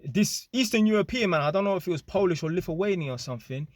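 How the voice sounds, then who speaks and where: A man casually telling a story to camera, animated and full of street slang and tag questions. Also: sits high, fast talker, no echo. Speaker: vlogger.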